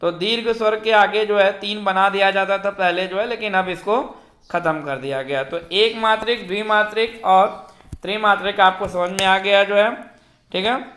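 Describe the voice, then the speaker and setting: A man teaching a Hindi grammar lecture for exam preparation, slowly reciting and drawing out vowels, with frequent fillers as he checks that students follow. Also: high-pitched, fairly bright tone, echoey room. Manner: slow, repetitive, fills with "ठीक है" and "जो है"; draws out vowels when reciting them.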